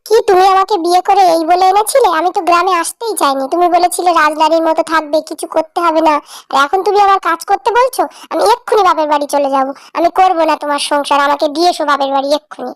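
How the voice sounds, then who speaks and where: A woman voicing a spoiled, scolding young daughter-in-law in a cartoon drama, with a shrill, nagging and haughty manner. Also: fast, dry recording, studio quality. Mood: indignant. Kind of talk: cartoon voice acting.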